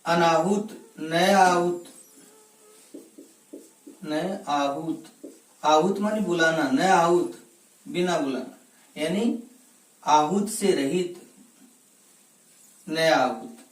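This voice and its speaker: Speaking extremely slowly with frequent pauses, a woman with a deep voice teaches a recorded grammar lesson, saying each example word twice and answering the questions she poses. She is far from the microphone, and the room gives off a roomy echo.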